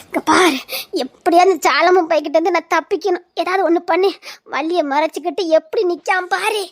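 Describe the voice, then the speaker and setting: A woman's voice: very high voice, fairly quick. A woman voicing a fretful young village girl in a half-saree, muttering frantic asides and mocking. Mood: mocking rant.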